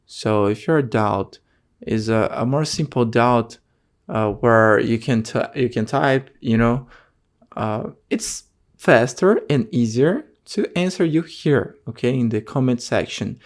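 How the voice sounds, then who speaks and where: A man takes it slowly in a mid-range voice while teaching an online course, frequently checking in with "okay?". Portuguese is his first language, and his speech shows non-native phrasing and lots of fillers.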